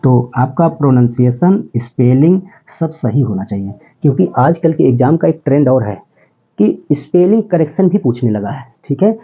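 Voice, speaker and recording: A man's voice: mid-range voice, big pitch swings, normal speed, mellow, breathy edge, lo-fi sound. A man teaching English grammar step by step, often asking his students if they follow and calling them "beta". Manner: explains step by step, often checks with "ठीक है?". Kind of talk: classroom lesson.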